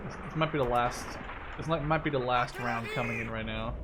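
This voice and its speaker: A Dutch man in his twenties, a gameplay video creator, rambles casually while playing a shooter, often correcting himself as he concentrates. His voice is mid-range and fairly quick, and the recording is very noisy, with loud in-game artillery and gunfire behind him.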